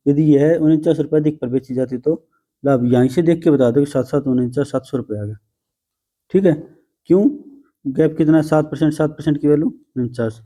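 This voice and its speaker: A man's voice: on the high side, dark tone. A man teaching a math lesson to students, patient and coaxing, often calling them "beta" and teasing them a little.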